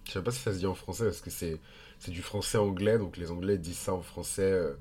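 A man's voice: low-pitched, steady tone, quick pace, a little mellow. A Frenchman with a French accent and a nasal, congested voice from a blocked nose, talking casually and hesitantly as he explains things as a podcast host. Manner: informal, hesitant, thinking aloud. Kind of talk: casual explanatory monologue with digressions.

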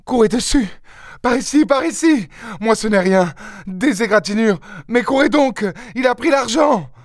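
A man voicing an injured, frantic older farm woman, high and urgent, recorded dry. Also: animated, unhurried, no echo.

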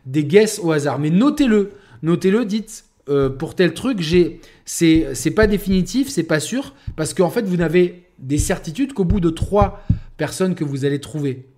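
A man's voice: on the high side, expressive, normal speed, darkish tone. A man reviewing a video game in a casual, rambling way, often restarting his sentences. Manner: rambling, many restarts and fillers.

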